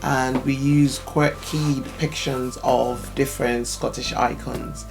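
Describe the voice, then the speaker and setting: A woman in her thirties, raised in Nigeria, speaks in a slightly gravelly, mid-pitched voice with soft music playing faintly behind her. She explains things thoughtfully and at length, often pausing on "um" and "you know.". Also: level tone. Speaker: guest, business owner. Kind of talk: casual interview chat.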